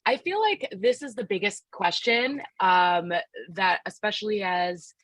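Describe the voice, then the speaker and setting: Over a video call mic with no room sound, a Philadelphia woman runs a live online workshop. Her mid-range, fairly bright voice is expressive and a little slow. She keeps things upbeat and encouraging, asks people to take part, and fills her speech with many fillers.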